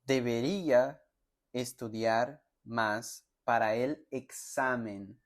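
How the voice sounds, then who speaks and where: A man teaching a pronunciation lesson, slowly sounding out example words and syllables for learners to repeat, with friendly check-in questions. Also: medium pitch. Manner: slow, deliberate, sounds out words and syllables for repetition; friendly, addresses students directly with check-in questions. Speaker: Spanish teacher.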